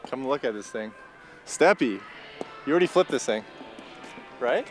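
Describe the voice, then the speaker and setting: Man, swooping pitch, casual slangy talk, open air camera audio, soft music behind. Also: expressive, normal speed. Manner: slangy, off-the-cuff. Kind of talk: casual chat. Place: outdoors on a dirt course.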